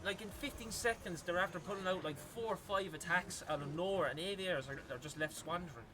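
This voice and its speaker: A man with an Irish accent doing live esports commentary, talking fast with lots of "like" fillers and rising to shouts on big plays. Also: high voice, background noise. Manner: excitable, rises to yelling on big plays, many "like" fillers. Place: gaming arena venue. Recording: loud crowd behind at a live event.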